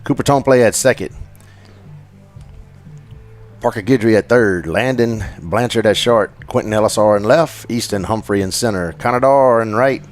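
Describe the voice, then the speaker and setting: A man calling a small-town high school baseball game. He talks in a loose, joking way, trading banter between pitches and running through sponsor thank-yous in a steady reading voice. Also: normal speed, few pauses, faint music behind. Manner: joking, chatty, reads sponsor lists. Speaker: play-by-play announcer. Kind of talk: casual local sports commentary.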